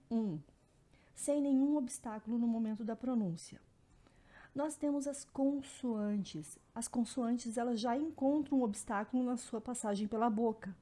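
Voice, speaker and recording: Woman teacher, higher voice, warm mellow tone, explanatory lesson delivery. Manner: explanatory, repeats terms, frequent "né" and "então". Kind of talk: recorded Portuguese phonetics lesson.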